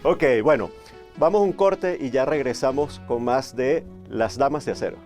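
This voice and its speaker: A man's voice: mid-range voice, moderate pace, a little mellow, soft background music. A man hosting a talk show, asking questions and giving short acknowledgements. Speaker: host.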